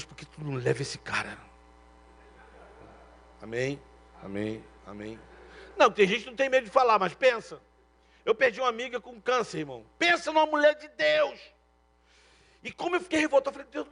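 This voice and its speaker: A man's voice: sits high, slightly rough. A man preaching an informal sermon in a Carioca Brazilian accent, slangy and chatty, often calling listeners brother and acting out dialogue. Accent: Carioca Brazilian Portuguese. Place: church hall.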